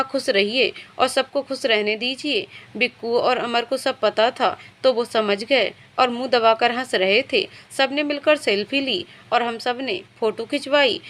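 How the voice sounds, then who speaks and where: A woman reading an emotional story aloud as its storyteller, narrating in the first person with steady, emotive delivery. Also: a little high.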